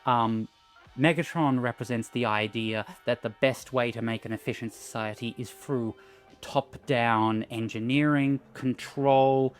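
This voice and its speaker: Halting, mid-pitched male commentator. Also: steady tone, smooth, faint music behind. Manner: halting, thinking aloud. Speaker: co-host commenting on a comic. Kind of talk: casual analytical commentary.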